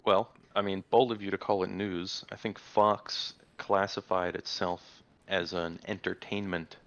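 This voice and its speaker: A very deep-voiced man with a gravelly edge chats casually as a podcast co-host. He drops dry, sarcastic remarks. The sound is dull and lo-fi. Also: level tone, unhurried. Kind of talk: casual chat.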